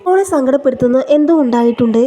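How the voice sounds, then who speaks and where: Woman doing a worried old granny, anxious and pleading, soft mellow tone. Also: sits high, expressive, fast talker. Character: worried elderly grandmother of a family home.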